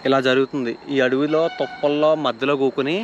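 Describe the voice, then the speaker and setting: A man vlogging a ghost hunt in a forest, talking straight to his viewers and shouting when startled. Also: medium pitch, fairly even intonation, quick pace, muffled recording, slight background noise. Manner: addresses viewers as "guys", shouts and yells when scared. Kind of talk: excitable horror vlog narration. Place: outdoors in a forest. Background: background music, crickets.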